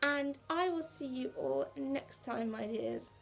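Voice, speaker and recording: A young woman reads her own story aloud, then chats about it in a candid, self-deprecating way. Her voice sits a little high with plenty of gravelly fry. Faint music plays behind her. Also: takes it slowly, low-quality recording. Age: 20s. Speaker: video creator reading her old fan fiction. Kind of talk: reading aloud and casual commentary.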